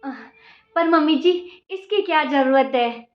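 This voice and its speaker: A woman's voice: high voice, unhurried. A woman playing a cheeky young daughter-in-law in a home-made comedy skit, whining and talking back with mock innocence. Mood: polite. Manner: whiny, sassy, talks back with mock innocence. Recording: roomy, slightly dull home video audio.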